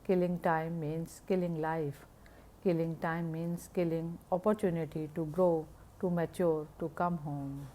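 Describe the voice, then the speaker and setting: Woman, narrator, lowish voice, calm, measured storytelling. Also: a little hiss or hum.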